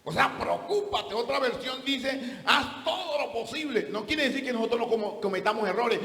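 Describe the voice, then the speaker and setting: A man with a high-pitched voice preaches as pastor, driving home each point with rhetorical questions. His sermon rings out with a long, roomy reverb, as if from a church hall. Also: lively intonation, normal speed, creaky, bright, forceful tone.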